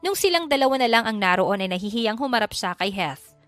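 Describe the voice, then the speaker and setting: Woman storyteller, fairly high voice, measured scripted narration, faint music under. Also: very animated, a bit bright, no echo.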